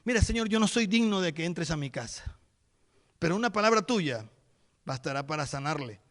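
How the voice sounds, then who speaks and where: A man's voice: on the high side, lively intonation, normal speed, fairly bright tone, big-room sound. A man voicing a humble, worried Roman centurion in a sermon, pleading.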